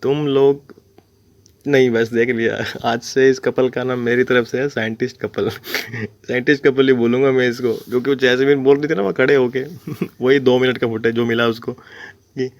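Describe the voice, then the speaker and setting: A man's voice: medium pitch, steady tone, normal speed, dry recording. A young man giving casual commentary on a reality show, chuckling constantly and teasing the contestants.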